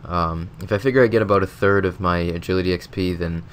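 A man's voice: deep voice, fairly even intonation, fast talker, slight background noise. A man with a stuffy, sick nose, casually rambling through a game commentary voice-over with lots of filler words. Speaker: gaming video host.

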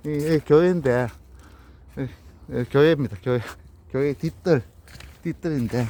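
A man's voice: on the high side, dark tone. Gyeongsang-accented man giving a greenhouse tour. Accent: Gyeongsang Korean. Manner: plain, unhurried, pointing things out. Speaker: plant grower showing his greenhouse. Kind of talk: casual walkthrough narration. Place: outdoors and in a greenhouse.

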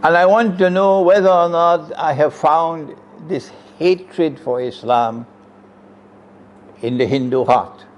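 This older man from Trinidad, an Islamic lecturer with a Trinidadian accent, takes it slowly in a voice on the high side, speaking emphatically into a close stand mic. The lo-fi sound carries slight background noise from the indoor room with green chairs, and he uses rhetorical questions and sweeping hand gestures.

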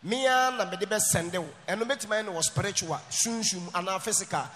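Fast, loud male interpreter in a hall. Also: high-pitched. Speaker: sermon interpreter. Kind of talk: live interpreting of a sermon. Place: large church hall. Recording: long hall reverb, faint background noise.

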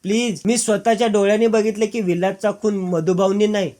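A man's voice: sits high, little pitch movement, a little fast, mellow, voice pushed up, natural voice. A man reading the lines of a frightened young woman confessing on video, pleading urgently.

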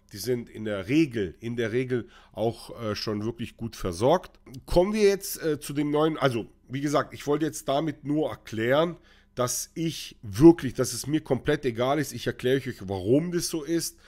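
A man, his pitch sitting right in the middle of the usual range. He rants with dry sarcasm and stops often to hesitate, like a casual vlogger talking to a desk camera. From Croatia. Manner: sarcastic, ranting, many hesitations. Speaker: vlogger and trucking company owner. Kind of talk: casual opinion vlog.

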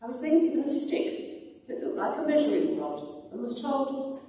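An older woman reads scripture aloud at a church lectern in a high, sing-song, warm voice at normal speed. She speaks into a microphone on a boom stand, and the sound is distant and very echoey in the church.

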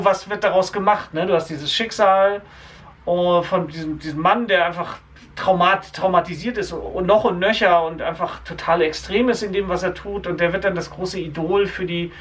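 A man in his forties co-hosting a comic shop video, talking in an animated, chatty way. His voice sits high for a man. He often chimes in to agree with his co-host. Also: slight background noise. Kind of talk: casual chat.

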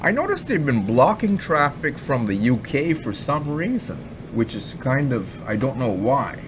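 This online marketing reviewer, a man from Ottawa, Canada, speaks in an unhurried, sing-song, mid-range voice. His commentary over a screen recording is casual, blunt and rambling, with repetition and the odd swear word, against audible background noise.

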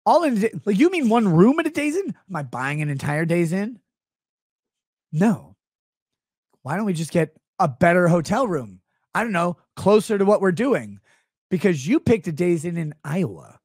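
A man with a high, lively voice rambles through a sarcastic comedic rant, jumping in and out of mock voices. He speaks close to a studio mic in a small home room, and the sound is dry and up front. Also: moderate pace, husky, no echo. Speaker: streamer host. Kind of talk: comedic live-stream rant. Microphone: close studio mic on stand.

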